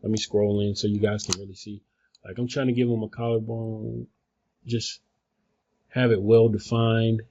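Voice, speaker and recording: A man giving a casual, rambling software tutorial, thinking aloud, recorded on a phone some distance away. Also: lowish voice, little pitch movement, normal speed, muffled recording. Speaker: video tutorial presenter.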